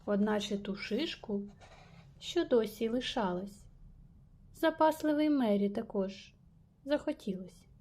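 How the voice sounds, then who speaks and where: A woman reads a rhyming children's story aloud at a slow, careful pace. Her voice sits slightly high, with a mellow, dark tone. She leans into the rhymes with playful emphasis. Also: animated. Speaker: reader.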